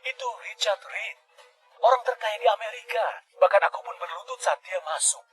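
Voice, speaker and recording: A man dubbing an arrogant, mocking thug boss in a drama, with a husky, sneering delivery. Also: high voice, normal speed, a bit bright, faint music behind. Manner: sneering, then groveling. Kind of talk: dubbed drama acting.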